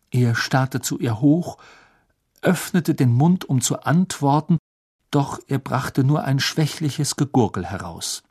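A man reading a children's novel aloud with expressive storytelling. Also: medium pitch, slightly rough. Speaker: audiobook narrator. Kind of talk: scripted narration.

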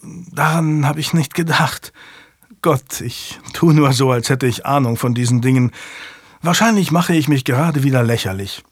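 A man's voice: medium pitch, normal speed, no echo, natural voice. A man voicing an earnest, slightly unsure young male lord, hesitant and friendly, read dry and close. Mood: eager.

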